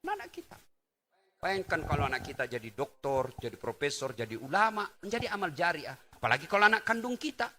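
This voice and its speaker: A middle-aged man from Indonesia delivering a lively sermon, swinging between loud exclamations and soft asides. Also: on the high side, fast, slight background noise. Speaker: preacher. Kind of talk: lively sermon to a live audience.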